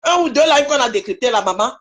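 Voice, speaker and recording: A woman's voice: fairly high pitch, lively intonation, fast talker. A woman appearing as a guest on a live stream, lecturing and scolding someone while repeating her points. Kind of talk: heated live stream commentary.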